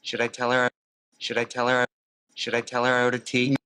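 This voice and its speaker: An actor as a flat-voiced man in a film. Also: medium pitch, a little fast, clear, resonant tone, no echo, lightly acted. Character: man speaking in a film scene. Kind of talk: film dialogue clip.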